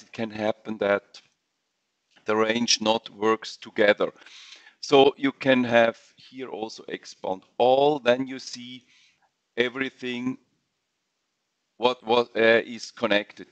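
A man explains software step by step in a webinar, his English halting and full of restarts. He speaks slowly at a mid pitch. The sound is dull and dry, like a desk mic on a video call. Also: fairly even intonation, dry recording. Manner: halting non-native English with fillers and restarts. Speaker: software trainer. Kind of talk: webinar screen-share walkthrough.

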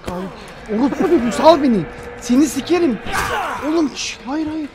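A young man streaming gameplay, swinging between loud, profane outbursts and low mutters, and talking to his chat. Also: animated, brisk. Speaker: gaming streamer. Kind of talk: live gameplay commentary.

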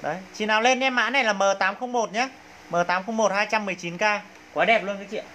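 A man's voice: high-pitched, fast, pushed and bright, slight background noise. Northern Vietnamese man with hyping salesman's patter. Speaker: livestream clothing seller. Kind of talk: live sales pitch.

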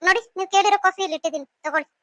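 [name], a woman doing a squeaky young wife. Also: very fast, a bit bright, no echo, studio quality. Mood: sulky. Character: young wife, sulky and emotional. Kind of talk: cartoon voice acting.

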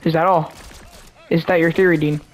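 A woman hosting a casual gaming chat, excitable and chatty, talking in slangy gamer lingo. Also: deep voice, normal speed, poor audio. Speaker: gaming channel host.

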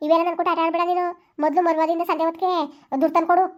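A woman's voice: extremely high pitch, flat delivery, racing. A woman playing an angry village moneylender who scolds and threatens a debtor in a village drama. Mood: scolding.

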